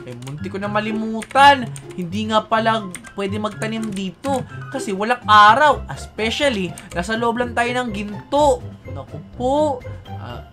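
A woman narrating a Minecraft role-play, excitable, playful and dramatic. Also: mid-range voice.

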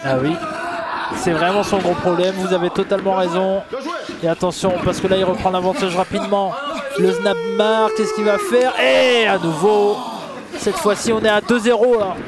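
A man giving excited live wrestling commentary, exclaiming as he calls the moves. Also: high-pitched, normal speed. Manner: exclamatory, calling moves as they happen. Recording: loud crowd noise throughout. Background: roaring live wrestling crowd.

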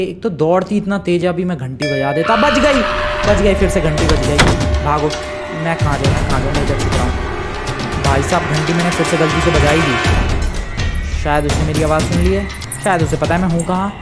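A man giving lively, chatty commentary on his own gameplay, talking straight to his viewers. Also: a little high, moderate pace, loud music behind the voice. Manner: excitable, chatty, talks to viewers as "bhai" and "guys". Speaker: gaming YouTuber.

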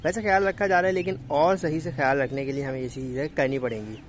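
A man's voice: a little high, steady tone, quick pace, slight background noise. A young man chatting casually while he walks through his outdoor animal farm and talks fondly to the animals, recorded on a phone held at arm's length. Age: young adult. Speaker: farm vlogger. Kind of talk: casual walk-through vlog. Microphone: phone camera held at arm's length.

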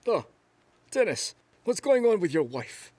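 A man's voice: sits high, big pitch swings, a little slow, darkish tone, dry recording, full character voice. An actor dubbing a stern, angry older father who scolds his daughter-in-law. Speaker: dub actor. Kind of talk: drama dub.

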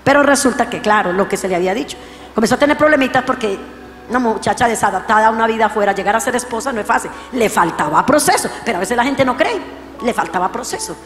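A middle-aged woman preaching a sermon, telling a story in a voice that swings from hushed to fervent shouting. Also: on the high side, racing. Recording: long reverb, faint music behind.

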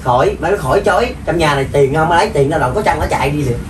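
A woman's voice: low voice, racing, a little hiss or hum. Scolding woman, echoey. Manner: accusing, scolding, insistent. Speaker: mother in a comedy skit. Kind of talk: scripted comedy sketch acting. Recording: echoey room from far off.

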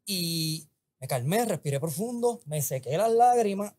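Husky male guest, animated and heartfelt. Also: sits high, unhurried. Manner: animated, acts out his own inner voice. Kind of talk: emotional storytelling in a podcast interview.

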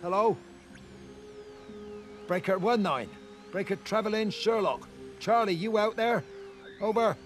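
A man's voice: high-pitched, a little slow, long pauses, faint music behind. An actor playing a lone man calling anxiously over a CB radio, searching for anyone listening. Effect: heard over a CB radio. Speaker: trucker calling on a CB channel.

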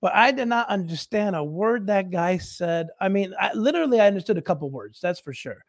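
On a talk show, a missionary preacher, a native English speaker, tells a rambling, animated story, laughing often and restarting his sentences. His voice is high and brisk, and the studio recording is clean and dry.

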